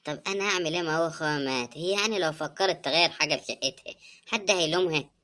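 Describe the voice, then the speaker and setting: A woman voicing a tired young widow in an animated drama, speaking Egyptian Arabic in a pleading, defensive way. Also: sits low, very fast. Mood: weary, defensive.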